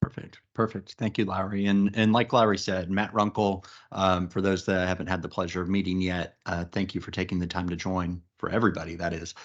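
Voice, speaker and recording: A man's voice: low voice, level tone, fairly quick, few pauses, highs cut off. Upbeat man presenting a webinar. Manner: chatty, upbeat, many fillers and restarts. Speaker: webinar presenter, recruiting practice lead. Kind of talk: casual business webinar presentation.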